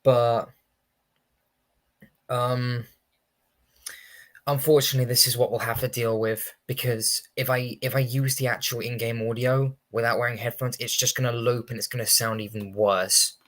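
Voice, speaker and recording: A young male game streamer rambles casually and hesitantly through commentary on his livestream, his mid-range voice slightly bright with little pitch movement at a moderate pace. His streaming mic also catches the game audio, and faint game music plays in the background.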